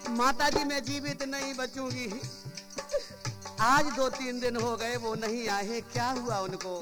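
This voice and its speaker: A man's voice: very high voice, steady tone, a little slow, pitched above the performer's own voice. A man voicing a tearful young bride who pleads through sobs, in devotional sung storytelling. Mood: pleading. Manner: pleading, sobbing tone. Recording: clear music with tabla behind.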